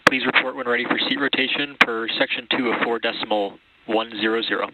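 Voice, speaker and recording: A man's voice: medium pitch, steady tone, fast talker. A man in mission control making formal, procedural calls over astronaut radio. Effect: radio transmission. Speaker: spacecraft communicator in mission control. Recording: dull, noisy radio link.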